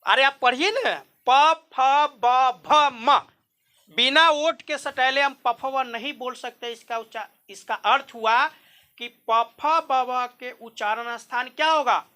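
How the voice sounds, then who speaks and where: A man's voice: very high-pitched, unhurried, pushed and bright. A man teaching a grammar lesson. He explains step by step, asking questions and answering them himself. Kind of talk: classroom-style Hindi grammar lesson.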